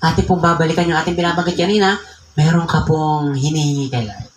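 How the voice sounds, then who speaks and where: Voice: mid-range voice, fairly even intonation, background noise. A preacher from the Philippines delivering an emphatic sermon in a church, drawing out the words when reading scripture aloud. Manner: emphatic, slows down to read scripture verses aloud. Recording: echoey church room.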